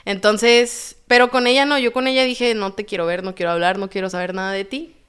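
A woman with a Mexican accent, a podcast guest telling her own story in a lively way and acting out the dialogue. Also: mid-range voice, fairly quick, clean tone. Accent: Mexican Spanish. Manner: animated, acts out quoted dialogue.

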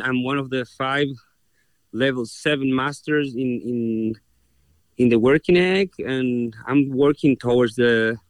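This is a young Chilean horse trainer being interviewed, his Chilean Spanish accent clear as he earnestly responds and keeps restarting his words. The medium-pitched male voice comes with no room sound.

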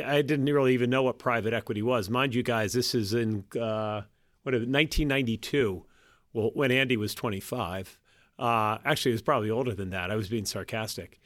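Halting, self-deprecating man in his fifties. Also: mid-range voice, fairly bright tone, no echo, clean studio sound. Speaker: guest, private equity partner. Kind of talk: casual podcast interview.

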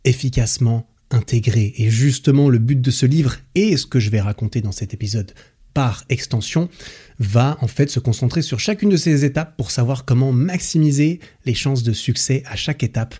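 Husky-voiced casual male podcaster. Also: medium pitch, normal speed, warm tone. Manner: chatty and enthusiastic, slangy, frequent fillers. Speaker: podcast host. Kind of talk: casual book summary.

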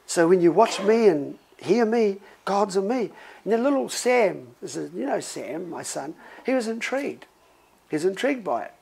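A man's voice: high-pitched, moderate pace, gravelly, husky, rough recording. A middle-aged male pastor preaching in a conversational, storytelling way. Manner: conversational, animated storytelling with laughs. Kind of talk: sermon.

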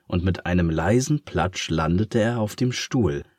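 A man calmly reading a children's story aloud as narrator. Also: low voice, a little slow, no room sound, studio quality.

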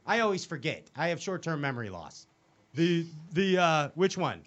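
A man's voice: fairly high pitch, very animated, normal speed, a bit bright. A man hosting a casual fishing chat, joking and rambling with lots of fillers and restarts. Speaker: host. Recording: dull lo-fi sound.

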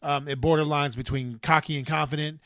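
A man co-hosting a sports podcast, giving game picks in casual chat and speeding up in animated bursts. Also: a little high, brisk, dry recording, studio quality. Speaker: podcast co-host.

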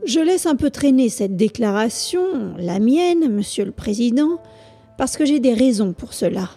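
A woman voicing a cocky young male reporter who speaks in an unhurried, self-assured way. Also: mid-range voice, warm tone, slightly rough, soft background music.

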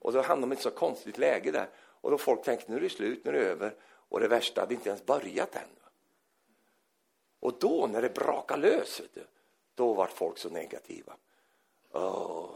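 A man preaching a sermon in an animated storytelling manner, often acting out the people he quotes. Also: on the low side, gravelly, slightly rough.

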